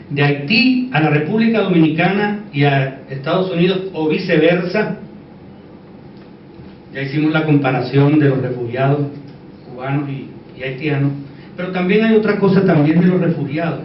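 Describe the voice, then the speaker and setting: A man's voice: a little high, moderate pace. A man with a Puerto Rican Caribbean Spanish accent giving an informal conference talk, conversational, repeating words for emphasis and checking that listeners agree. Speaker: conference speaker. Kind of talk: informal conference lecture with asides. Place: echoey indoor conference room. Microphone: distant microphone. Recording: echoey room, distant dull mic, faint noise.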